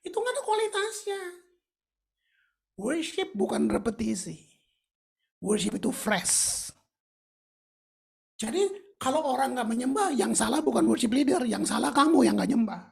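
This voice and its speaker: Gravelly, husky woman preaching. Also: on the high side, expressive, measured pace, pauses often. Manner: emphatic, colloquial preaching with English phrases mixed in. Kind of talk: sermon.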